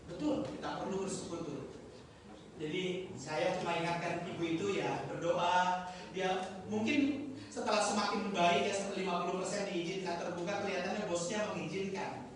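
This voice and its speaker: Male pastor, storytelling sermon, voice booming in a roomy hall. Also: normal speed, background noise. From Indonesia. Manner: lively, swings from quiet confiding to loud exhortation. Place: church hall. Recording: echoey hall, picked up from a distance.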